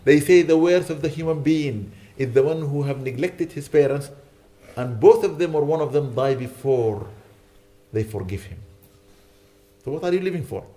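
This sheikh's voice is a little high with a dark tone, and he speaks at a moderate pace. Lecturing in a lecture hall, he delivers a sermon that urges listeners through repeated rhetorical questions.

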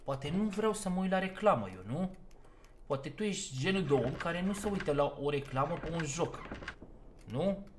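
A man's voice: fairly high pitch, darkish tone, slight background noise. A man giving let's play commentary on a horror game, talking himself through each step and getting easily exasperated. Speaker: gaming YouTuber.

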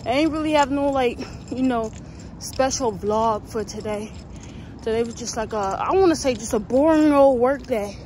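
A woman's voice: fairly high pitch, normal speed, darkish tone, a little hiss or hum. A 21-year-old woman from Ohio, a vlogger casually chatting to her viewers in a slangy, talkative way, at work and in her car. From Ohio, USA. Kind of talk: casual vlog chat to viewers.

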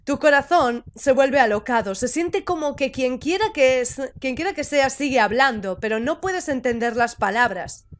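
A woman hosting a gaming video, reading a visual novel aloud and reacting excitedly with laughs, curses and bursts of English. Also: sits high, normal speed. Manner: excitable, laughs often, swears and switches into English. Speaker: gaming channel host. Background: faint game music.

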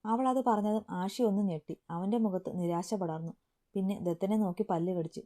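Mellow-voiced woman narrating a romance. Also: medium pitch, normal speed. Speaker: story narrator. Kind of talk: scripted story narration.

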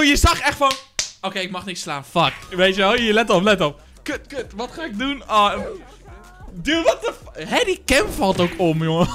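A young Dutch man reacting to gaming clips, with loud excited bursts and laughter, mixing in English slang. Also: sits high. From Netherlands. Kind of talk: casual reaction commentary.

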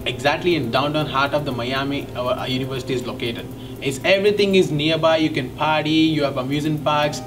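Young man, Indian English accent, halting testimonial, slightly high voice, far-off mic, music behind. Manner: rambling, halting, many fillers. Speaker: graduate student. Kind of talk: testimonial interview. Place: indoor studio set. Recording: distant mic, background music.

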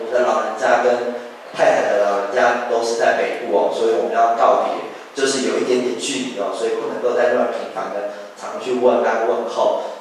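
Male pastor, mid-pitched voice, telling an animated sermon story, booming church hall reverb, heard from a distance. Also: slight background noise. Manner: storytelling, animated, acts out quoted family talk. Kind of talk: sermon testimony. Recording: echoey church hall, mic far off.

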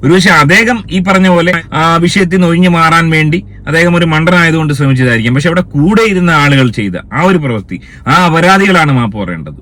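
A man's voice: a little high, fairly quick, fairly bright tone. A man hosting a commentary video, scolding and indignant, firing rhetorical questions in a heated opinion rant. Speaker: commentary channel host.

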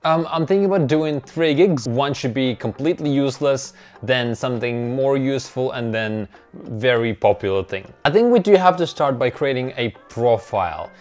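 This vlogger is a young adult man, a native Russian speaker whose accent comes through as he narrates his own video. His medium-pitched delivery is relaxed, cheerful and self-mocking, picked up by a clip-on lapel mic in a small bedroom.

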